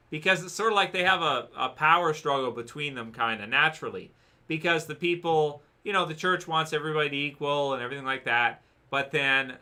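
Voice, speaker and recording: A man with a somewhat high, sharp voice hosts a casual livestream, rambling through viewer questions with lots of fillers and restarts. He answers chat and mentions that he's losing his voice.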